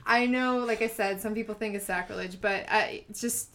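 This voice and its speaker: A woman's voice: medium pitch, fairly even intonation, moderate pace, fairly bright tone, slight background noise. A woman co-hosting a podcast, talking in an earnest, emphatic way and laughing easily. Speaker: podcast co-host. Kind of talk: casual chat.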